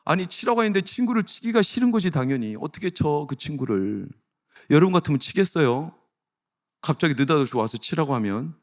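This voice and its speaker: Lively male pastor preaching. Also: fairly high pitch, a little fast. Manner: animated, questions the congregation directly. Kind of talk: sermon.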